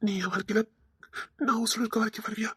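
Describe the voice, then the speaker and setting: A woman's voice: on the high side, moderate pace, slightly rough, no room sound, clean studio sound. A woman voicing a remorseful young husband who pleads with his wife, in a Tirunelveli Tamil accent, often whispering apologies. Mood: tender.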